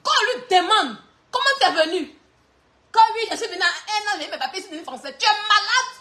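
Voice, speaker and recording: A woman delivers a mocking insult clash, laughing through her lines. Her voice sits very high and swings widely in pitch. The tone is bright and sharp. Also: lively intonation, fairly quick. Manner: mocking, often laughing while talking. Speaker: online clash streamer.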